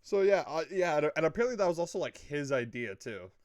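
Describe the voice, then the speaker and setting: A man's voice: a little high, expressive, fast, a little mellow. A man co-hosting a casual show review, rambling with lots of fillers and frequent swearing. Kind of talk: casual chat.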